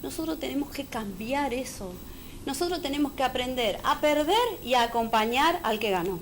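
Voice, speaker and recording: A woman's voice: high-pitched, expressive, moderate pace. A woman with an Argentine Spanish accent, a guest on a political talk show, speaking firmly and earnestly. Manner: firm, earnest, uses fillers. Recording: faint background noise.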